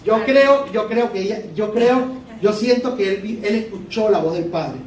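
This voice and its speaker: A man's voice: high voice, normal speed, a little hiss or hum. A man preaching a fervent sermon, repeating phrases for emphasis, in a church hall. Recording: echoey church hall, mic far off.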